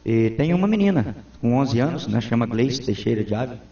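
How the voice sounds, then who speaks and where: A man's voice: medium pitch, brisk, mellow, reverberant. Earnest man in his forties, dull distant sound. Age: 40s. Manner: earnest and formal. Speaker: town councilman, interview guest. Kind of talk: local TV interview answers.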